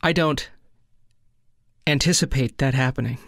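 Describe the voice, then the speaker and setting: A man co-hosting a comedy sketch, parodying a soothing guided meditation in a deadpan manner and bantering with his partner. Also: mid-range voice, measured pace, vocal fry, no room sound, clean studio sound. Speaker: comedy podcast co-host.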